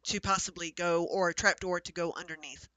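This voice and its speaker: A woman's voice: on the low side, steady tone, a little fast, sharp tone, dry recording. A woman player in a tabletop game, talking in character and out of it in a casual way, with many fillers. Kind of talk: tabletop role-play.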